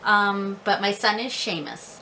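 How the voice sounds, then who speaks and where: American mom, bright and slow, teaching from her own learning, faint hiss behind. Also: medium pitch, poor audio. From United States. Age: adult with several children. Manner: laughs often, slow and careful, repeats words. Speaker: Irish language learner. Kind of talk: casual video lesson.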